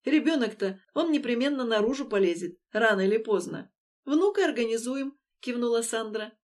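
A woman reading a novel aloud as audiobook narration, measured and emotive in her storytelling. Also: on the high side. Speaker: audiobook reader.

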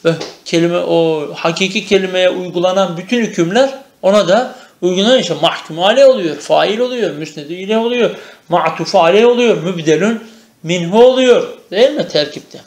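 A man with a high voice gives a traditional madrasa-style grammar lecture. He keeps asking the class questions and answering them himself. The room around him is echoey. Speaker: Arabic grammar teacher.

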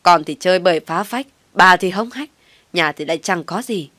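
A woman's voice: fairly low pitch, fairly even intonation, moderate pace, no echo, close to an everyday voice. A woman voicing an older man who scolds his wife in a roaring voice. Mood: furious. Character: furious old father-in-law, man shouting.

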